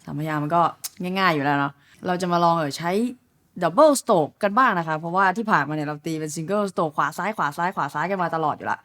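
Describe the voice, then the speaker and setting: A woman's voice: low-pitched, animated, a little fast, fairly bright tone. A young woman in her twenties explaining drum fills step by step, polite and patient, counting beats aloud. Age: young adult. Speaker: drum teacher. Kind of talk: relaxed video lesson.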